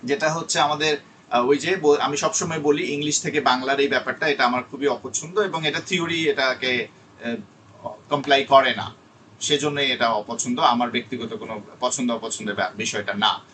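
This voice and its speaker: A man's voice: medium pitch, steady tone, moderate pace, bright, forceful tone, distant mic, slight background noise. A man teaching an online spoken English class, explaining patiently and repeating key words.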